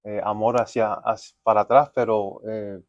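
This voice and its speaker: Low-voiced pastor, dull recording. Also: male voice, little pitch movement, moderate pace, no room sound. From United States. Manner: earnest, reflective, frequent fillers. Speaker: pastor, guest. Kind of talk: relaxed testimony interview. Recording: dull lo-fi sound.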